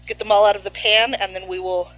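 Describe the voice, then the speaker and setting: Chatty woman baking, bright slightly muffled sound. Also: mid-range voice, little pitch movement, fast talker. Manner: chatty and playful, talks with her mouth full. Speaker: baking show host. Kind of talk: casual cooking stream. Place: home kitchen. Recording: slightly muffled, faint music behind.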